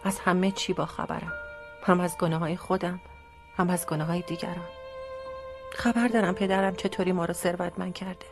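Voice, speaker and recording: A heartbroken, devout young woman, voiced by an actress, quiet and earnest yet set in her choice. Her voice sits at an ordinary pitch, with faint music behind in this radio drama. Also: steady tone, close to an everyday voice. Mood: resolute. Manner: soft, earnest and resolute.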